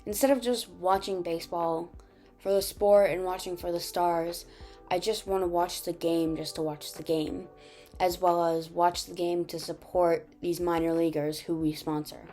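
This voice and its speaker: A woman's voice: lowish voice, steady tone, normal speed, mellow, faint music behind. A young woman reading an earnest scripted narration and asking interview questions. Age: young adult. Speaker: student video host and interviewer.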